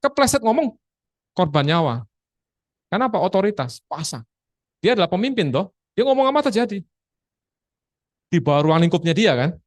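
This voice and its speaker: Lively exhorting male Bible teacher. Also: high voice, a little fast, long pauses, dry recording, clean studio sound. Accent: Indonesian. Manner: exhorting, mixes English quotes into Indonesian, demonstrates commands loudly. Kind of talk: church lesson over a video call. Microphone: video call.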